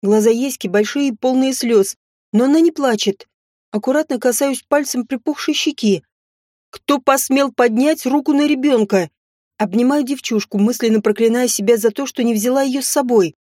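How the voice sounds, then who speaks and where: Mellow, fairly high woman narrating dramatically. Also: fairly quick, no room sound, studio quality. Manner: expressive, dramatic delivery. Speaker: audiobook narrator. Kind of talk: first-person audiobook narration with acted dialogue.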